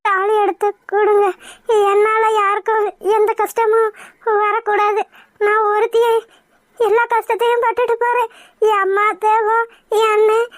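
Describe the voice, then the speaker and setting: Woman as resigned young cartoon bride, high, dry sound. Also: a bit bright, no echo. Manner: tearful, resigned. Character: young bride forced to marry, sorrowful.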